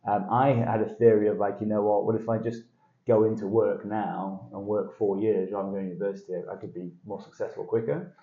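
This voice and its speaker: This guest is a sales director from northern England, a man with a quick, low, level voice. Chatting in a casual interview, he puts himself down, restarts often and laughs lightly, recorded lo-fi and dull in an echoey space.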